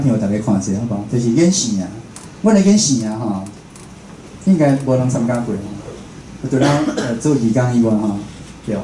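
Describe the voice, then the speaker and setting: In a mellow, mid-range voice, a Taiwanese-accented radio host delivers a casual, conversational talk to the public indoors. He checks in with his listeners often, and the spacious room adds faint noise to the recording.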